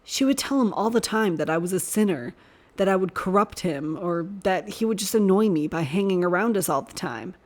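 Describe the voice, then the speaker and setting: A woman's voice: fairly low pitch, lively intonation, brisk, a little mellow. A woman voicing a teasing, blunt young man who talks frankly.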